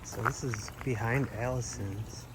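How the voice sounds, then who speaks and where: A man's voice: medium pitch, fairly even intonation, measured pace. Rambling male vlogger, noisy street. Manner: rambling, lots of fillers and restarts. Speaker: travel vlogger. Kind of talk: casual vlog chat. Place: outdoors on town streets. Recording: outdoor street noise with passing cars.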